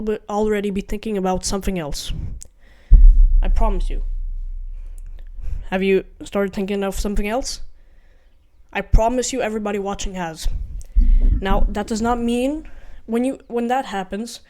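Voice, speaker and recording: In his advice vlog, this young man from Ukraine, whose accent blends Ukrainian and Norwegian, talks at a normal speed with a high, steady, slightly mellow voice. He is sincere but wandering, frequently correcting himself and restating things.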